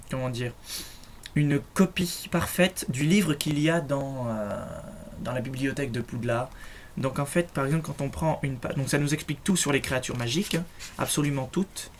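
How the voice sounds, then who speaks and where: A man's voice: fairly high pitch, moderate pace. A young man chatting casually in a home vlog, showing his collection, full of fillers and restarts. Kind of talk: casual show-and-tell vlog. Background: faint noise and clicks.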